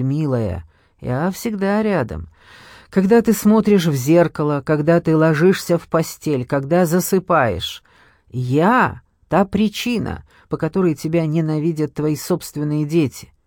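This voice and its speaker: A man's voice: a little high, no echo, studio quality. A man voicing a cruel, mocking ex-husband who taunts in a sneering way.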